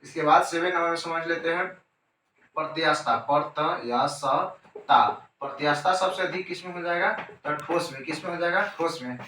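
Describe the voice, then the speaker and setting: A man's voice: fairly high pitch, fairly even intonation, fairly quick, sharp tone, a little hiss or hum. A male chemistry teacher giving a coaching class lecture, who keeps repeating key terms as questions and answering them himself. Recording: echoey room, voice from a distance, faint ambience.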